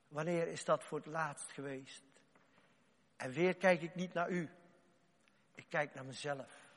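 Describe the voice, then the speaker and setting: A man preaching an impassioned sermon, swinging between hushed and loud, in a church hall. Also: a little high. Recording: long hall reverb.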